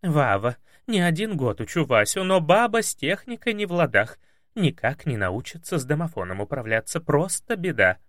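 A man's voice: fairly high pitch, very animated, normal speed, fairly bright tone, no echo, clean studio sound. A man voicing an imperious older woman who talks in a grand, exasperated way. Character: imperious, weary older woman, the narrator's childhood patroness.

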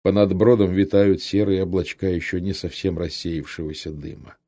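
A man reading a historical novel aloud in steady, measured narration. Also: low-pitched. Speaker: audiobook narrator. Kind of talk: scripted narration.

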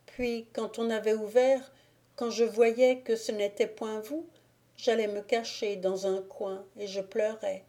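A woman voicing a gentle, innocent young peasant woman who speaks softly, in an audiobook. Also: a little high, fairly even intonation, measured pace, close to an everyday voice. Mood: tender. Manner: soft and gentle. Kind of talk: audiobook character reading.

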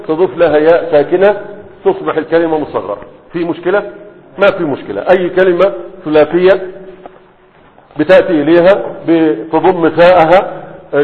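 A man teaching a class in a lecture style, constantly checking understanding with quick questions to his students. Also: fairly high pitch. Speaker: teacher of Arabic morphology. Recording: tinny phone-like sound with long hall echo.

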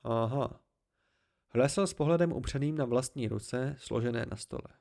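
A man narrating an amateur audiobook in a steady, plain storytelling manner. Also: mid-range voice, gravelly. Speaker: audiobook reader.

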